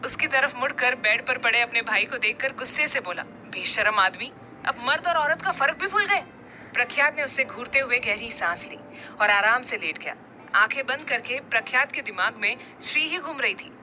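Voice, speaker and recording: A woman narrating a romantic story in an expressive storybook reading. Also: a little high, slight background noise, rough recording.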